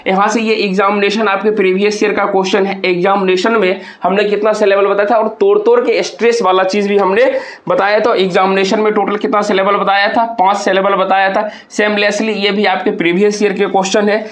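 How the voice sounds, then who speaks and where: A male teacher with a high voice explains exam answers one by one, asking himself questions before giving each answer. He is recorded in a roomy space with noticeable echo. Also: little pitch movement, a little fast. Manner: explains step by step with repeated rhetorical questions. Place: hot room with a towel in use.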